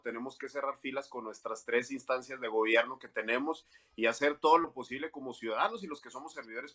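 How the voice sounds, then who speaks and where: Man, legislator, bright forceful tone, earnest. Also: mid-range voice. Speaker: state legislator. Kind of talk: panel discussion.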